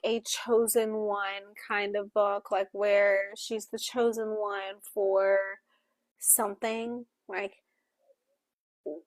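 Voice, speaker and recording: A woman co-hosting a casual book club discussion, talking in an expressive, chatty way while also voicing interpreted signing. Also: fairly high pitch, no echo. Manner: expressive, chatty, with frequent fillers.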